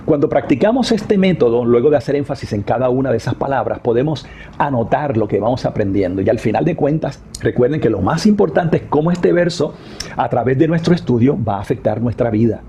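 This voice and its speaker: A man teaching a devotional Bible study in a measured, explanatory way, rereading a verse and stressing a different word each time. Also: medium pitch, animated, mellow, a little hiss or hum.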